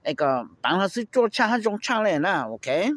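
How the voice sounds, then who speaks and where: A man hosting a casual talk to viewers, rambling quickly and checking in with "okay?", with English phrases slipped in. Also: high-pitched, very animated, a bit bright, dry recording. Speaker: host.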